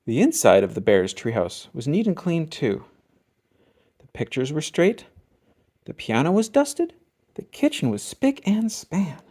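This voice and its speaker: Reading a children's picture book from a script, this adult stretches out important words and narrates with expression. The mid-range voice is mellow and slightly rough, unhurried, with big swings in pitch.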